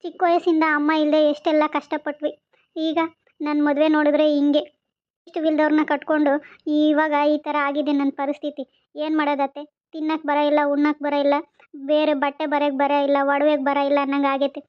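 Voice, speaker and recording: A woman's voice: high voice, monotone, moderate pace, close to an everyday voice. A woman playing a sorrowful, resigned young wife. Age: young adult. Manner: quiet, resigned lament. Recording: dull lo-fi.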